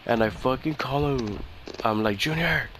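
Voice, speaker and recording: A man's voice: on the low side, normal speed, a little hiss or hum. A man chatting casually with a friend while playing a shooter game, rambling and swearing with lots of fillers and restarts. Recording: steady game gunfire behind the voice. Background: gunfire and clicks from the game.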